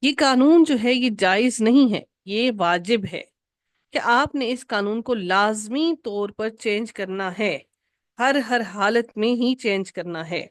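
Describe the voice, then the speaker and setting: A woman teaching an Arabic grammar lesson, patiently repeating each rule slowly for her students. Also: a little high, no echo.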